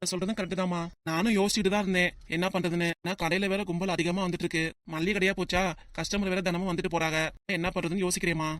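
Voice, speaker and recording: A woman's voice: lowish voice, dry recording, lightly acted. A woman voicing a patient middle-aged shopkeeper husband and father in a cartoon family comedy. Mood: explaining. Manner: calm, reassuring, hurried.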